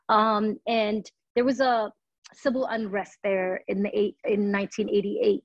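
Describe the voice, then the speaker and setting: This city council candidate, a woman in her thirties from Somalia, gives earnest interview answers peppered with "um" fillers and restarts. Her mid-range voice is a little mellow, and there is no echo on the dull, lo-fi audio.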